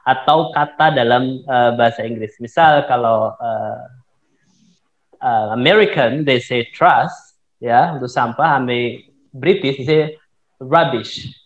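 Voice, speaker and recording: A man's voice: mid-range voice, slow pace. Man lecturing over echoey, dull call audio. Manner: explains patiently, mixes English terms into Indonesian. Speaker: invited speaker answering questions. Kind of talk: explanatory lecture answer.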